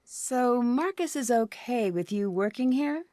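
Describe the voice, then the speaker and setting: High-voiced, inquisitive young woman detective. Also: animated, unhurried, warm tone, no echo, clean studio sound. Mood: curious. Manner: earnest, polite, inquisitive. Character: inquisitive, polite young female amateur detective. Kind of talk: video game voice acting. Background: music.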